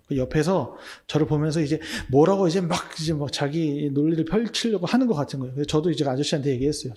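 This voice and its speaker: A male pastor preaching at a midweek prayer service, his voice a touch higher than most men's. He tells a personal story in an easy conversational way, asks the congregation rhetorical questions, and acts out the thoughts he had at the time. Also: a little mellow. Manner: anecdotal storytelling, acting out his own remembered thoughts.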